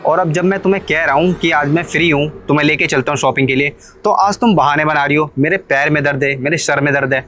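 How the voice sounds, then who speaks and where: A man's voice: fairly high pitch, fast talker, a bit bright, slight background noise, lightly acted. A man voicing a suspicious young husband in a cartoon story, pleading and questioning, then accusing, with faint music behind him. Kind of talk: Hindi cartoon story dubbing.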